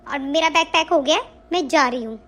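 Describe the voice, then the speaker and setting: Cartoon young wife, very high-pitched, sharp, scolding, defiant. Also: female voice, a little fast. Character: young daughter-in-law, fed up and defiant. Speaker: voice actor. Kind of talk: animated story dialogue.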